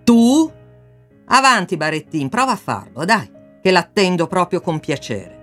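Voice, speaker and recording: A man's voice: high voice, sing-song, unhurried, a bit bright, soft background music, pitched above the performer's own voice, exaggerated voice. A man voicing a proud, defiant boatman father who mocks his boss. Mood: mocking. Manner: mocking and commanding.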